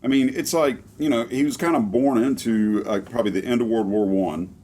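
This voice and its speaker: A man chatting casually on a podcast, getting animated as he makes his points. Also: medium pitch, brisk. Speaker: guest.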